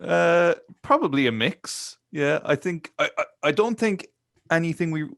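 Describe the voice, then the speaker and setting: A man's voice: a little high, animated, a little slow, gravelly, a bit bright, dry recording, studio quality. A man of thirty, chatting casually and thinking aloud on a podcast, with lots of fillers and restarts. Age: 30s. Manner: rambling, reflective, many fillers and restarts. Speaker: podcast co-host. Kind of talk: casual chat.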